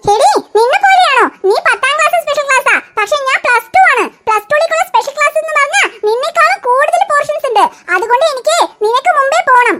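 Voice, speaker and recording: A woman's voice: extremely high pitch, expressive, quick pace, few pauses, sharp tone, exaggerated voice. A woman doing a bossy cartoon big sister. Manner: bossy, teasing. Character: bossy teenage older sister. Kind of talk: cartoon voice acting.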